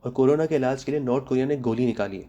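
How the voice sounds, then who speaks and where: A man's voice: medium pitch, dull audio, over a noisy crowd, very noisy. A young man from Pakistan delivering a sarcastic comic monologue, then giving health advice. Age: young adult. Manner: sarcastic rapid-fire jokes. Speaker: comedy vlogger.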